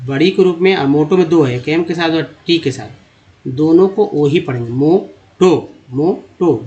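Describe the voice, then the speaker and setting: Man slowly explaining lesson slides. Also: a little high, darkish tone, highs cut off. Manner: explains step by step, often addressing viewers as friends; repeats example words slowly. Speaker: English teacher.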